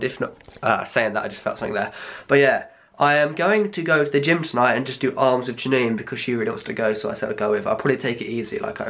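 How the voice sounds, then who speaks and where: A man's voice: medium pitch, a bit bright. A young man, rambling casually to the camera in a vlog, sounding a bit ill with a blocked nose. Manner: rambling, chatty. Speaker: vlogger.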